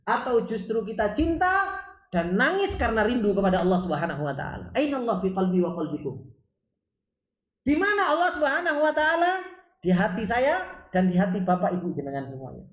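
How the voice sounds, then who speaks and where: A man's voice: very high voice, a little fast. Man, Islamic study lecture, rhetorical questions, Arabic quotes, echoey room, muffled recording. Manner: animated, asks the audience rhetorical questions; reads Arabic lines, then explains them in Indonesian. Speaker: ustaz teaching a religious study circle. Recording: roomy, dull lo-fi sound.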